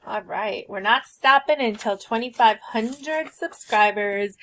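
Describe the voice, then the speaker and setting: A woman teacher chatting casually as she works through savings challenges on her vlog, thinking aloud as she goes. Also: a little high. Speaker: teacher and budgeting vlogger. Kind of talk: casual chat while doing savings challenges.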